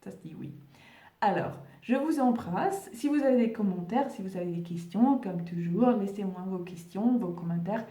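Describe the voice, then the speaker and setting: Soft-spoken woman with a foreign accent. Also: mid-range voice, animated, normal speed, reverberant, far from the mic. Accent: non-native French. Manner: gentle, searching for words, self-correcting. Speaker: spiritual video host. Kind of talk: casual vlog address to viewers.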